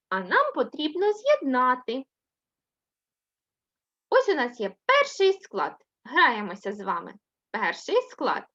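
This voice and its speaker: Slow, lively-voiced woman teacher. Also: high voice, lo-fi sound. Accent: Ukrainian. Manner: slow, sing-song syllable-by-syllable reading with frequent "так?" checks; affectionate praise of pupils. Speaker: first-grade teacher. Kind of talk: remote reading lesson for young children.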